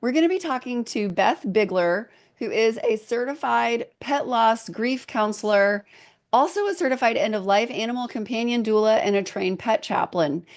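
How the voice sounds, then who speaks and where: A woman's voice: a little high, expressive, moderate pace. A woman hosting a podcast interview, talking casually and getting choked up as she speaks of her animals. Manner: warm, emotional, gets choked up. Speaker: podcast host. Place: farm.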